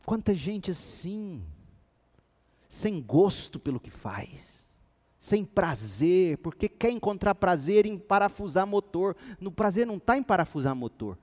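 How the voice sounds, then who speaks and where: Animated preaching man with a higher voice. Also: unhurried. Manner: animated storytelling, acting out dialogue. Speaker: pastor. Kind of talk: sermon.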